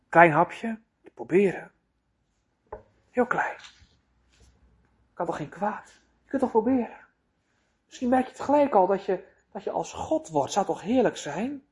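A preacher putting on a hushed, coaxing devil. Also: male voice, high-pitched, expressive, slow pace, long pauses, breathy edge, full character voice. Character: smooth-talking male tempter devil, falsely soothing.

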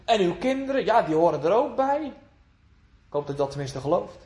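A man preaching a sermon in earnest, rising to emphatic calls and dropping to hushed, tender phrases, with old biblical wording and rhetorical questions. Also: sits high, sing-song, a little fast.

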